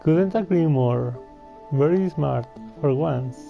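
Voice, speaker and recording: A laid-back gamer with a slightly high, gravelly voice plays through a video game at a slow pace, commenting casually and reading out dialogue. His mic is muffled, with faint game music behind him.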